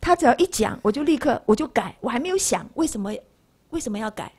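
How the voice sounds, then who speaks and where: A woman in her sixties from Taiwan, speaking, gives a lively Buddhist lecture in a classroom. She keeps asking her listeners rhetorical questions. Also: a little high, fast, husky. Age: 60s.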